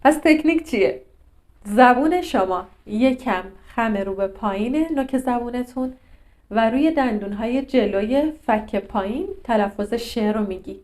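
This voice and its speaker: A woman's voice: fairly high pitch, darkish tone. A woman speech coach giving a pronunciation lesson and demonstrating sounds as she talks the viewer through them.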